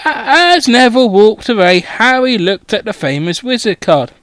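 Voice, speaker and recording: A man's voice: high voice, big pitch swings, normal speed, fairly bright tone, no room sound. A man reading a parody audiobook, swearing and wandering into rambling asides. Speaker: comedic audiobook reader. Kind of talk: irreverent parody narration.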